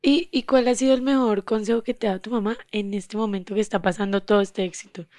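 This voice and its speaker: A woman's voice: medium pitch, steady tone, quick pace, a little mellow, dry recording, studio quality. A woman from Colombia interviewing a guest in a casual, emotional way.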